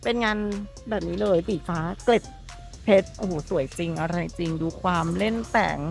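A woman's voice: on the low side, normal speed, vocal fry, darkish tone. A woman gives an enthusiastic, chatty walkaround of a customized truck at an outdoor workshop. Her speech is polite throughout. Faint music plays underneath her voice. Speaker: presenter for a truck body workshop channel. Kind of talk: walkaround vehicle showcase.

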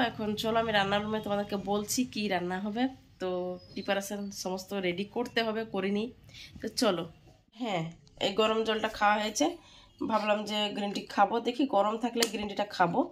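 A woman in her thirties from India with a West Bengal accent, hoarse from a cold, chatting casually to viewers as she cooks at home. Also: mid-range voice, slight background noise. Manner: chatty, talks straight to viewers while cooking. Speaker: housewife vlogger. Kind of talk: casual home vlog chat. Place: home kitchen. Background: loud guitar music.

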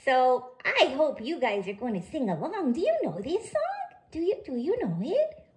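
A woman voicing a high, bubbly puppet friend. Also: huge pitch swings, moderate pace, a little mellow. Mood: excited. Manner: gushing and sing-song, talking to children. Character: cheerful, excitable puppet friend. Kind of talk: children's puppet show.

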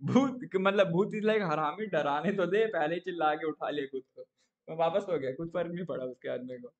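A young man with a slightly high voice chats casually to his live-stream audience from a home setup. He tells stories in an animated way and keeps turning to his viewers to check they are following. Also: brisk, lo-fi sound.

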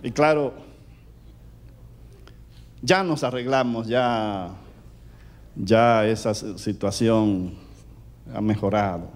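A middle-aged man from the Caribbean with a Caribbean Spanish accent, preaching a sermon in a loud, animated way that swings between booming and hushed. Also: slow, long pauses.

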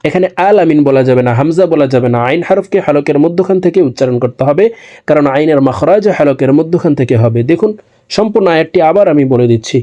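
Patient male Quran teacher, Bangladeshi Bengali accent, mellow fairly high voice, slow spelled-out recitation. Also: expressive. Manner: patient, repeats each syllable for learners to copy.

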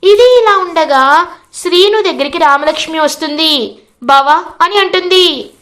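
A woman's voice: extremely high pitch, moderate pace, a bit bright. A woman casually retelling a TV serial episode with sympathetic narration. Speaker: storyteller.

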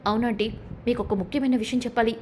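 A scheming young daughter-in-law, voiced by a woman narrator presses her case with insistent tattling. She talks quickly, in a slightly raised voice. The reading keeps close to a plain storytelling tone. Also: a little high, steady tone, darkish tone, slight background noise, natural voice.

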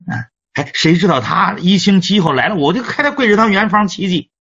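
A man's voice: high-pitched, animated, fairly quick, a bit bright, husky. A middle-aged man, a Chinese medicine teacher telling a clinic story in a lecture, often repeating and restarting words. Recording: dull lo-fi recording.

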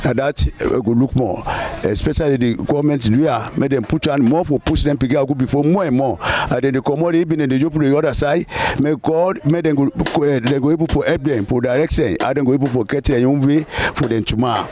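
A middle-aged man with a Sierra Leonean Krio accent answers a street interviewer outdoors. He talks hesitantly, with pauses and repeated phrases, into a handheld mic. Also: mid-range voice, a little mellow. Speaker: interviewed community member. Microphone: handheld mic held by interviewer.

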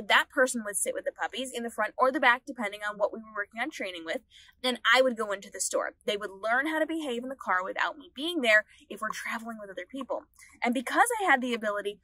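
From the back seat of a parked car, a woman in her thirties films herself at arm's length on a phone or camera, offering earnest dog-training advice in a steady, instructional vlog style with repeated phrasing. Her voice is on the high side, and the low-quality recording has no room sound.

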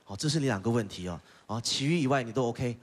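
A man's voice: mid-range voice, fast talker. Teasing male talent-show judge. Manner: direct, teasing, lively.

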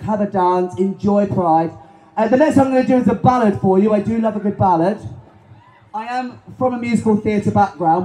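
Performing in drag on the stage of an outdoor Pride event, a man banters with the crowd between songs through a handheld mic, chatty, self-mocking and camp. His voice is high, the sound reverberant and low in quality, and loud guitar music plays in the background.

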